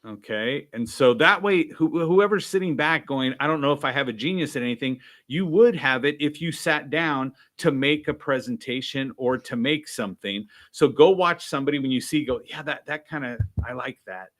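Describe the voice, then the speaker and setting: A man's voice: medium pitch, normal speed, few pauses. A man guest in a casual interview, telling stories and acting out quoted dialogue, with many "right?" and "I'm like" asides. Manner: animated, acts out quoted dialogue. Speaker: guest, sales trainer.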